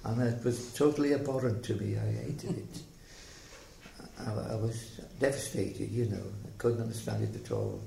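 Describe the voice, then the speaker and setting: An older man from South Wales with a slight Welsh accent shares his life story for an oral history, speaking haltingly and reflectively. His gravelly, creaky voice is on the low side, mellow, and animated. The room sounds echoey, with faint background noise.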